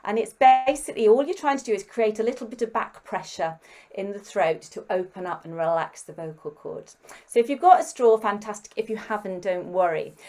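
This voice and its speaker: Encouraging woman leading vocal warm-ups. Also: mid-range voice. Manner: gentle, encouraging, coaching step by step. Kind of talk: guided breathing and vocal warm-up instruction.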